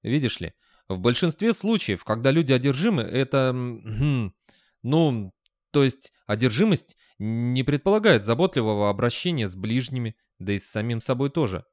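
A man's voice: medium pitch, very animated, moderate pace, a little mellow, no room sound, clean studio sound, natural voice. A man voicing a nervous, wry young man who rambles and hesitates as he explains himself. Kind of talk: audiobook dialogue.

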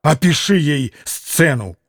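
A man's voice: on the high side, expressive, slow, no echo, clean studio sound. A man voicing a hot-tempered, violent young man who bursts out in heavy, gasping, vehement lines. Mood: grim defiance.

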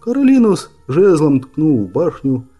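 A man narrating a fantasy audiobook in a steady, measured way. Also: fairly high pitch, breathy edge, faint music behind.

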